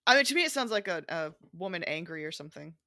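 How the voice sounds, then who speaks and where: A woman co-hosts a casual podcast, answering in short, dry replies. Her pitch moves animatedly even though she sounds unimpressed. The tone is bright and crisp. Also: quick pace. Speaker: podcast co-host. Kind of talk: casual chat.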